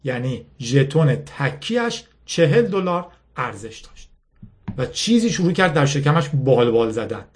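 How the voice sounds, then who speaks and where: A man reading a novel aloud, voicing the dialogue with a lifted pitch and sometimes pausing to explain a term. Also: very animated. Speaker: narrator.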